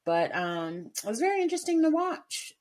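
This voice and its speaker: A woman co-hosting a podcast in casual, animated chat, laughing often. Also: high-pitched, moderate pace, slight background noise. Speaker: podcast co-host.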